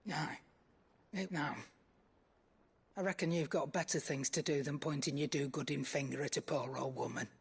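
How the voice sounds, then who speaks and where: A woman playing a proud, defiant old woman with a shady past in a fantasy drama, husky-voiced, folksy and scornful. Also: deep voice, fairly even intonation, moderate pace, pauses often, heavily acted. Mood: dismissive. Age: older. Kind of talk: scripted fantasy drama acting.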